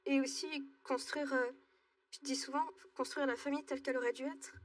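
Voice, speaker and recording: A woman in her twenties from Alsace, speaking hesitantly with many pauses and fillers as a talk show guest. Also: sits high, fairly even intonation, distant mic. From Alsace, France. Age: 20s. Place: TV studio.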